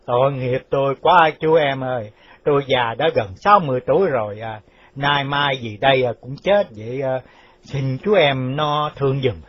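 A man's voice: medium pitch, normal speed, close to an everyday voice. Man voicing a pleading old mandarin. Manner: pleading, shaky. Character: frightened old male mandarin near sixty. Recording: dull lo-fi dry recording.

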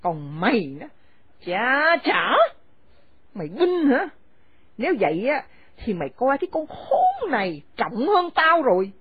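A woman's voice: a little high, huge pitch swings, unhurried, long pauses, slightly rough, heavily acted. A woman voicing a furious, domineering elderly mother-in-law who screams scornful insults. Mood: furious scolding. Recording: dry, phone-like narrow sound.

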